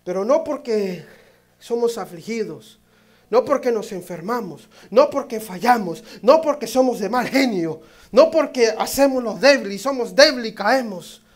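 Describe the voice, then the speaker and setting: A male pastor, preaching a sermon with passion, swinging from loud exclamations to hushed lines and joking asides. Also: extremely high pitch, animated, moderate pace.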